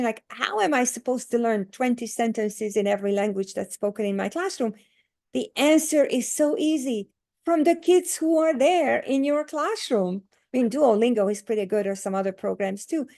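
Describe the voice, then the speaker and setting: A Hungarian woman whose first language is Hungarian appears as a guest author and educator in a podcast interview. Her voice is fairly high in pitch, and she comes across as earnest and explanatory, lively and heavy on fillers.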